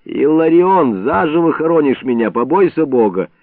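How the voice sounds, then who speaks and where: A man's voice: a little high, big pitch swings, moderate pace, dry recording, pitched above the performer's own voice. A man voicing an old village man, trapped and pleading, cursing his tormentors, in a tinny phone-like recording. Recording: tinny phone-like band, dry.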